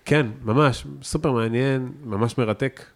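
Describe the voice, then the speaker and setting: A man with an Israeli accent and a mid-range voice talks casually as a guest on a podcast, where he appears as a chef. He is enthusiastic and emphatic, repeating words to stress them.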